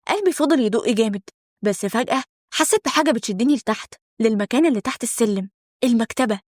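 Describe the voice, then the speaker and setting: Young woman, Egyptian accent, story narration, fast-paced, fairly high voice, dry close sound. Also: animated, dry recording. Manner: conversational, dramatic telling. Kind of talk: first-person story narration.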